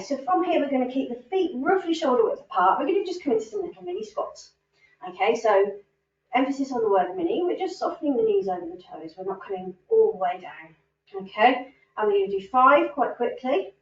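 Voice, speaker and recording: A woman fitness instructor leading a standing cardio class, upbeat and encouraging as she counts reps. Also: fairly high pitch. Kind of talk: guided exercise class. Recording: roomy, distant, dull sound.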